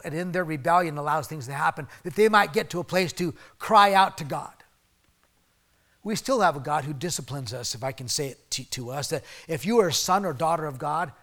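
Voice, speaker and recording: Male pastor, middle-aged, sermon, animated storytelling, slightly high voice. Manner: animated storytelling, swings between loud emphasis and soft asides.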